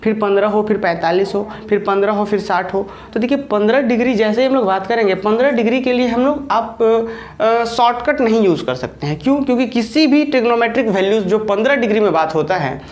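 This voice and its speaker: A woman's voice: medium pitch, quick pace, a little mellow. A woman maths teacher with a Jharkhand Hindi accent giving an online lecture. She explains step by step and keeps checking that students follow.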